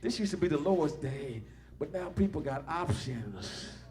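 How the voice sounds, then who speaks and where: High-voiced preaching bishop, rising peaks. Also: male voice, very animated, unhurried, darkish tone. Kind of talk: sermon.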